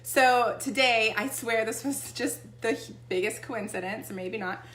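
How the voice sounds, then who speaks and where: A woman's voice: on the high side, a little slow, a bit bright. Chatty woman in an echoey room. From Texas. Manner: chatty, folksy, checks in with the listener. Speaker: essential oil seller. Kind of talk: casual product demo chat. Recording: echoey room with faint hum.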